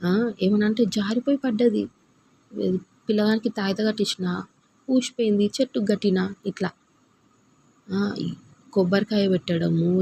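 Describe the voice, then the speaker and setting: Agitated woman, gravelly and dark, for an emotional personal grievance. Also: mid-range voice, slight background noise. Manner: agitated, complaining, quoting others sharply. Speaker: daughter-in-law telling of a family dispute.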